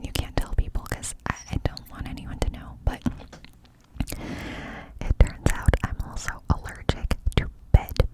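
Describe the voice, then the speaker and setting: A woman doing ASMR in an intimate, conspiratorial cupped-hand whisper, as if confiding secrets close to the mic. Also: rough recording. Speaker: ASMR host.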